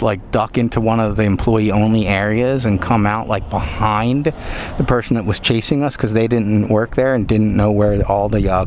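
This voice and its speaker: A man's voice: medium pitch, a little mellow. Middle-aged man motovlogging inside a helmet, engine noise. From United States, East Coast. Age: 50s. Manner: rambling, nostalgic storyteller with dramatic pauses. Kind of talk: casual storytelling vlog. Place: outdoors, riding a motorcycle. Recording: clear engine and road noise.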